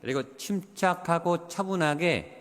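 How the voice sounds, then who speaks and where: Man preaching in a reverberant hall. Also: fairly high pitch. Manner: preaching with emphatic rises and quiet, slowed drops. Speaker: pastor. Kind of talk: sermon.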